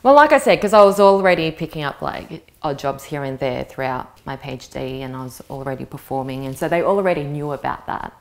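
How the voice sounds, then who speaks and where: A woman in her thirties with a notably low voice and lively intonation talks through her answers in a reflective personal interview. She's an actress whose first language is Vietnamese, and she's thoughtful, pausing as she searches for the right words.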